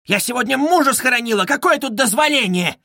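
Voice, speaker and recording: A man's voice: animated, moderate pace, a bit bright, husky, dry recording, clean studio sound, exaggerated voice. A man reading aloud and voicing a proud, frantic middle-aged widow who wails and scolds. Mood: shrill outrage. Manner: shrill, wailing, haughty.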